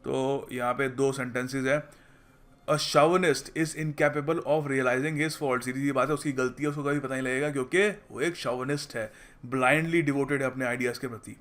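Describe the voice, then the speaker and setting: A man teaching English vocabulary in Hindi, reading example sentences slowly and explaining them in a casual classroom manner. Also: mid-range voice, steady tone, fairly bright tone. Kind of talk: explaining lesson.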